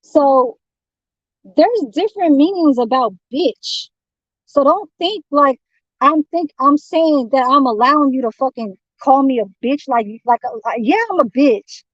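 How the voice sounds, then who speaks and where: On dull, lo-fi stream audio with no echo, a woman from San Francisco, United States, goes on a heated livestream rant. Her voice is high and a little slow, and she swears constantly while rambling and picking fights.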